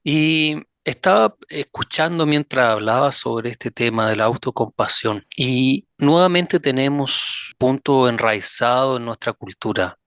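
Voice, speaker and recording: A man's voice: medium pitch, unhurried, hardly any pauses, a bit bright, dry recording, studio quality. A man hosting an interview, talking in an easygoing conversational way and often answering with short listening sounds. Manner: chatty, frequent listening sounds. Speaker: host. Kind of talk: casual interview.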